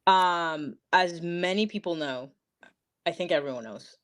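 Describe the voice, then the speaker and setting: Young woman from peru chatting on a podcast, lowish voice, lots of like and literally. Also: unhurried. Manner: chatty, emphatic, says literally and like a lot. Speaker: podcast guest. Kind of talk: casual interview chat.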